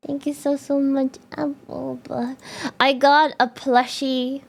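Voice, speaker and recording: Speaking slowly in a high, creaky voice, a young woman chats casually with viewers on a live stream. She's excitable, laughs often, and swears freely.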